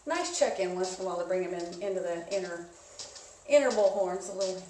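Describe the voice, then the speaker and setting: A woman's voice: on the low side, expressive, fast talker, darkish tone. Echoey, distant woman leading spin class. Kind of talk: instructional coaching, casual. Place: indoors, echoey room. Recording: echoey room, distant mic, clear noise.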